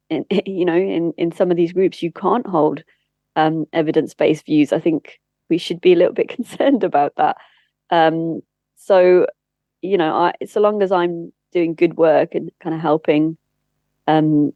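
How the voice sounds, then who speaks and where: A woman with a lowish voice, a campaigner and former spokesperson, speaks as an interview guest, explaining things candidly and earnestly in a conversational way. The audio is lo-fi with no room sound.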